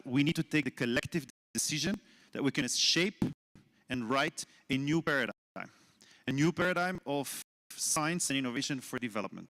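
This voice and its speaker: A man with a middle-pitched voice gives a formal closing speech. He is reflective and builds his points through repetition. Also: fairly bright tone. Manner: reflective, builds on repeated phrases. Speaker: conference speaker.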